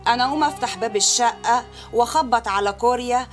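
Cast: woman as a fast, needling Egyptian lover, faint music bed. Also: fairly high pitch, close to an everyday voice. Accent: Egyptian Arabic. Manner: needling, threatening. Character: jealous Egyptian woman pressuring her lover by phone. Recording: film score underneath.

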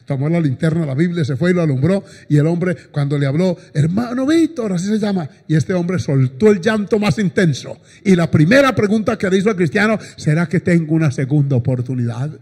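A man's voice: high-pitched, fairly quick, hardly any pauses, darkish tone, breathy edge. A man preaching a sermon as a pastor, telling stories and breaking into praises. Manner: storytelling preacher, exclaims praises often. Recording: long church hall reverb.

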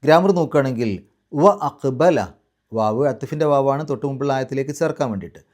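A man teaching Quran recitation rules in a class, patiently repeating each rule step by step and drawing out the Arabic example words slowly. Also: mid-range voice, a little mellow.

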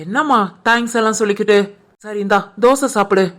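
A woman voicing a protective older mother-in-law in an animated family cartoon, firm and scolding, with a Tirunelveli Tamil accent. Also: mid-range voice, fast talker, natural voice. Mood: tender. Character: caring older mother-in-law, protective, stern with her daughter.

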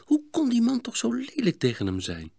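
A man reading an audiobook voices an eager young boy, twin, in a raised, quick and excited voice. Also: very high voice, gravelly, slightly rough, no echo, studio quality, voice pushed up, full character voice.

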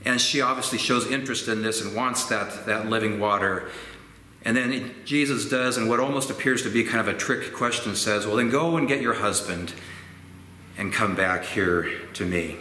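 Preaching in a sanctuary lined with organ pipes, a lowish-voiced pastor in his sixties speaks slowly and gently, reflecting aloud and using expressive hand gestures. A fixed camera films from medium distance, picking up the church's roomy echo and faint background noise.

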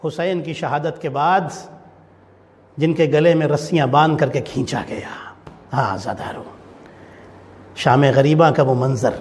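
A man's voice: on the high side, a little mellow. A man delivering an impassioned mourning sermon in a mosque hall, his voice swelling and falling with feeling. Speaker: majlis preacher. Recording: long hall reverb.

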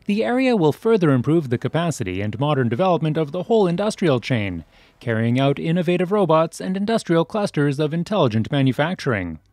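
A man reading a scripted news voice-over in a formal, even delivery. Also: fairly high pitch, brisk, no echo, studio quality. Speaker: news narrator.

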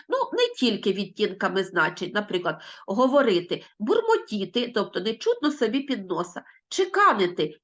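Lively Ukrainian woman teaching children. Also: medium pitch. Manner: lively, questioning, explains patiently. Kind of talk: online lesson for children. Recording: dull lo-fi audio.

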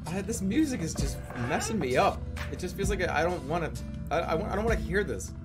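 Male streamer, thirties, lively swooping delivery, jokey rambling game commentary with music underneath. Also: high voice, brisk. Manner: jokey, rambling, repeats phrases. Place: small room at home, indoors.

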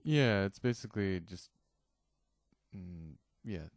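A man co-hosting a casual podcast, speaking English and hesitating with many ums and soft laughs. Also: low-pitched, animated, drawn-out words, no echo, studio quality. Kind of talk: casual chat. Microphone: studio podcast mic.

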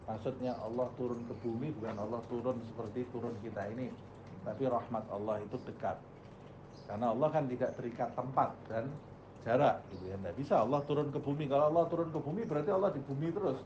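A male religious teacher lectures at an ordinary middle pitch and keeps asking the room questions that he answers himself. The recording is slightly dull, with a faint hiss behind him. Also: fast talker. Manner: asks the audience questions and answers them himself. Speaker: Islamic teacher.

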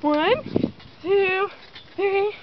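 A young woman chatting playfully and excitably while jumping on a trampoline, recorded on a handheld camera outdoors. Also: very high voice, extremely slow. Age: young adult. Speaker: amateur vlogger. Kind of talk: casual playful chat. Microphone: handheld camera at arm's length. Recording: dull, noisy outdoor handheld camera audio.

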